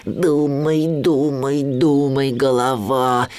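A man voicing a gloomy young male bear cub in a children's storybook, slow and sighing. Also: mid-range voice, close to an everyday voice. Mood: musing.

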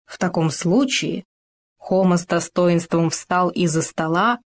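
A woman narrating an animal story in an expressive, lively way. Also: lowish voice, measured pace. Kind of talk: storybook reading.

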